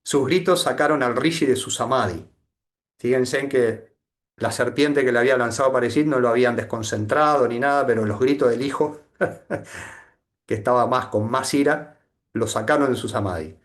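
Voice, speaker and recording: Man, Argentine accent, spiritual teacher, reflective, hesitant, mid-pitched voice. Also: moderate pace. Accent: Argentine Spanish. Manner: reflective, hesitant, constant tag questions. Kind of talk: satsang talk with reading.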